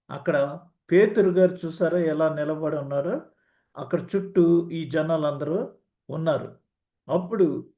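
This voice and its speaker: A man preaching a sermon, reading scripture and explaining it slowly, dropping in English words. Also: fairly high pitch, warm tone, reverberant.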